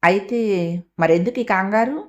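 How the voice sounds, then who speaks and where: A woman's voice: mid-range voice, moderate pace, highs cut off, close to an everyday voice. A woman voicing a tired, ironic older sister who asks dry, sceptical questions in an audio story.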